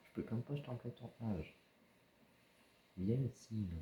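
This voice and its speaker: A man's voice: medium pitch, animated, a little slow, highs cut off, slight background noise. A man casually commenting while playing a survival video game, muttering to himself, chuckling and talking to the creatures on screen. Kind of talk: casual let's-play commentary.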